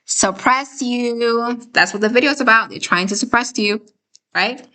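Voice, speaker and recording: A woman's voice: on the high side, normal speed, sharp tone. A woman hosting a casual live-stream discussion, talking emphatically and checking in with her viewers with frequent "okay?" and "right?" as she reads out their comments.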